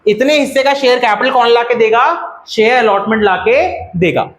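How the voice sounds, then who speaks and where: A man's voice: very high-pitched, moderate pace, slight background noise. A man with an Indian accent teaching a classroom lecture, asking the class questions and repeating their answers. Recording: echoey classroom.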